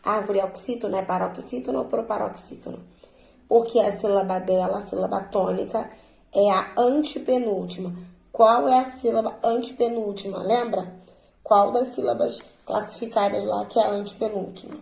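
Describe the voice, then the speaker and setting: A woman teacher slowly and patiently walking her students through a worksheet, drawing out words to stress their syllables. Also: mid-range voice, fairly even intonation, gravelly, darkish tone, reverberant, slight background noise, poor audio. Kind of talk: remote lesson walking students through exercises.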